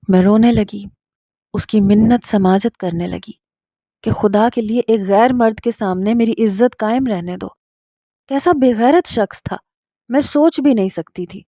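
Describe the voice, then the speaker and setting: A woman narrates a first-person story in a steady, earnest manner. Her voice is mellow and soft-edged. It is recorded dry and close, with no room sound. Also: mid-range voice, no echo.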